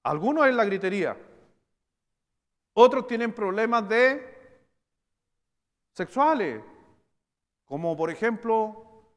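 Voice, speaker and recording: Chilean male pastor, high voice, animated sermon delivery, long hall reverb. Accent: Chilean Spanish. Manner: animated preaching, swinging from loud emphatic bursts to slow quiet stresses. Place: church hall.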